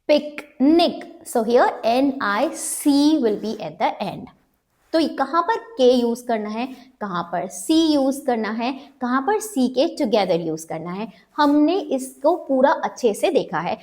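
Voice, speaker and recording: A woman's voice: fairly high pitch, darkish tone. A woman teaching a phonics lesson step by step, mixing Hindi with English terms and repeating each sound for learners.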